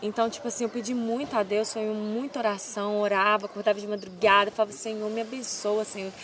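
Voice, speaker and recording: Speaking fast at medium pitch, a Brazilian MMA fighter in her twenties recounts her story in a casual interview. Her retelling is animated, emotional, and devout.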